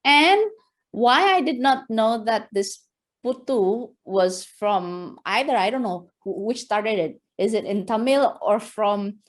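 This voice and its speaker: A guest lecturer from West Java speaks with an Indonesian accent in a fairly high, expressive voice at a slow pace. She keeps her lecture engaging by quizzing the audience, frequently tossing in a rhetorical "right?", and she laughs often, full of enthusiasm.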